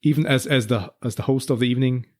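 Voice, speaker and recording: A man's voice: medium pitch, quick pace, a little mellow, no echo. Austrian man, German native, co-host, wry and chatty, close dry recording. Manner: wry, laughs often, explains at length. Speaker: podcast co-host. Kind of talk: casual chat.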